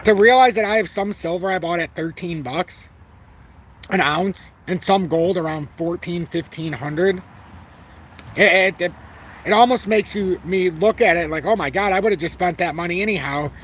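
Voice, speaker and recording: Brash, rambling man with a high voice. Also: normal speed, a bit bright, a little hiss or hum. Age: 40s. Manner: brash, rambling, swears casually; talks about himself through frequent self-corrections. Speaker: crypto channel host. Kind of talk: casual live-stream commentary.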